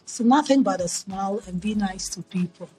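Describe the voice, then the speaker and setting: A woman's voice: medium pitch, moderate pace, warm tone, faint music behind, poor audio. A middle-aged woman from Ghana, interviewed as a guest, telling stories about her upbringing in a reflective, earnest way with frequent restarts over a remote call. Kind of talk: conversational storytelling.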